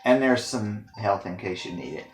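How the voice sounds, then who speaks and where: A man's voice: lowish voice, lively intonation, normal speed. A man giving playful let's-play commentary while he games, teasing the bosses and throwing in silly exclamations. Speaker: gamer. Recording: echoey room with game music. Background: game music.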